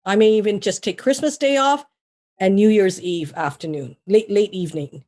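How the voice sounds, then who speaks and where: Speaking at normal speed with a medium pitch and a touch of mellowness, a Trinidadian woman who works as a mortgage broker answers interview questions. Her casual, rambling answers are full of restarts and fillers.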